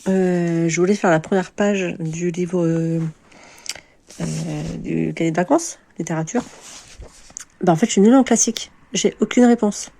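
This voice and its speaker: A woman's voice: fairly low pitch, normal speed, mellow. A woman in her forties from France, chatting casually to camera in a rambling, self-mocking way with many hesitations. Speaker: book vlogger.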